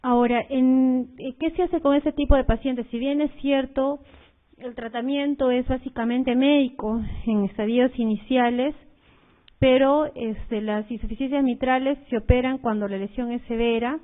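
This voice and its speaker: A woman's voice: sits high, fairly even intonation, moderate pace. Woman lecturing over a tinny line. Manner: explanatory, uses fillers like "este" and "eh"; repeats key points, addresses students directly. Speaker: medical lecturer. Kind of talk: recorded cardiology lecture over slides. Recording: tinny phone-like audio.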